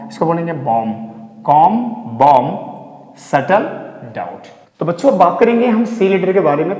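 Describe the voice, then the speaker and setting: A man's voice: a little high, warm tone. A male teacher giving a pronunciation lesson to pupils, repeating each point and asking rhetorical questions before answering them. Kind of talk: classroom lesson. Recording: echoey hall.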